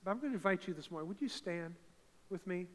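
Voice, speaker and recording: Expressive and quick, the male pastor from eastern Canada preaches fervently in an echoing church hall with a big, slightly high voice. The sermon rises from conversational moments to loud, emphatic bursts.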